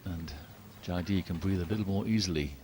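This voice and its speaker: Man, low pitch, live golf commentary, measured, understated, conversational, faint background noise. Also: dark tone.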